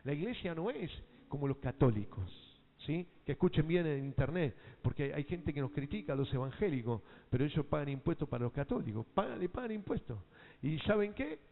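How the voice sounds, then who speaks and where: A male pastor with an Argentine accent delivers an emphatic sermon, peppering the congregation with questions and call-and-response lines. His voice sits fairly high for a man, and it carries the long echo of a church hall. The sound is thin and tinny, close to a phone line. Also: sing-song, brisk, gravelly. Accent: Argentine Spanish.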